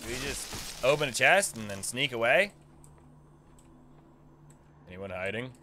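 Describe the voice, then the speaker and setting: A man in his thirties streams a video game from a small indoor room, speaking close into a boom-arm desk mic with casual, playful commentary aimed at himself and the game. His mid-range voice is sing-song, bright and forceful, a little slow, with faint music behind.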